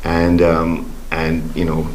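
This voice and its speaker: An older Caribbean man from Grenada, a sports official appearing as a studio guest, recounts his life in relaxed interview answers packed with fillers. His voice rumbles low and mellow, delivered slowly and completely flat. The recording is rough, with slight background noise.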